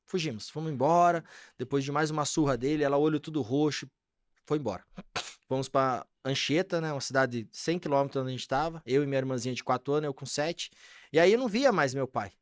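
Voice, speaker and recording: Fast-talking man telling his testimony. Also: medium pitch, no echo, clean studio sound. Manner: emotional, acts out the voices in his dialogue. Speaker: podcast guest. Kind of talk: personal testimony storytelling.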